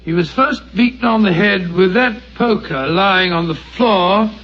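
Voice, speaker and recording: An actor playing Doctor Watson, an earnest and loyal English doctor, narrating and speaking plainly in a radio drama. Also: male voice, sits high, measured pace. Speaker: narrator and companion. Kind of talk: 1940s radio acting. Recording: muffled old radio broadcast, faint hiss.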